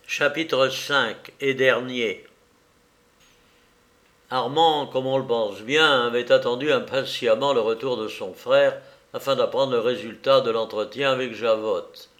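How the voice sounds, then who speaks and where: A man narrating a classic novel as an audiobook, reading with lively expression. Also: medium pitch, unhurried.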